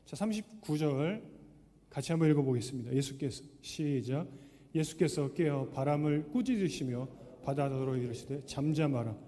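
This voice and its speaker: A man's voice: a little high, animated, moderate pace, mellow, in a large hall. A male pastor preaching a sermon, acting out the voices of doubting believers as he goes. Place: church sanctuary.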